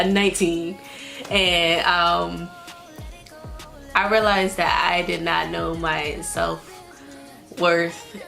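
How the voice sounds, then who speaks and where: A woman's voice: on the low side, gravelly, a bit bright. A woman of twenty-one telling her own story in a vlog, candid and rambling, often restarting her sentences. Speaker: vlogger.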